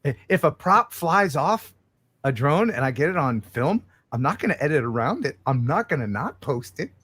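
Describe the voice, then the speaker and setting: A man's voice: on the high side, big pitch swings, moderate pace, fairly bright tone, slightly rough. A man in casual livestream chat, explaining himself earnestly and joking.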